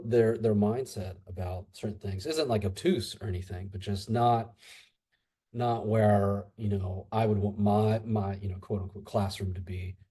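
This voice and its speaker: A man's voice: on the low side, warm tone, slightly rough. A man who teaches English, a guest in a casual podcast chat, rambling and antsy as he talks. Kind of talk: casual conversation.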